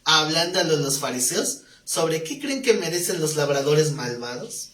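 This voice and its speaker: A man, a pastor teaching a live Bible class, telling stories in a lively way and asking the class questions. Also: a little high, moderate pace. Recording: echoey room, faint background noise.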